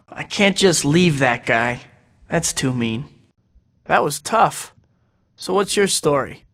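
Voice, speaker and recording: A man's voice: a little high, fairly bright tone, natural voice. A young man voicing a quippy, upbeat superhero in a video game, firing off sarcastic one-liners. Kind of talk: game voice clips. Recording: long reverb on the game audio.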